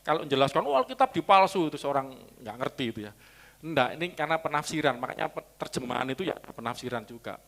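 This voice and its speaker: Animated, bright-voiced pastor preaching. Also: male voice, a little high, quick pace, vocal fry. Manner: teaching, explains original-language words with asides. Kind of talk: sermon.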